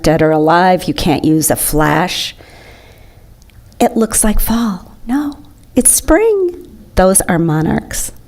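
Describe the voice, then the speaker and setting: A woman's voice: fairly low pitch, darkish tone. A woman giving an enthusiastic, chatty slideshow talk to an audience. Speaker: presenter.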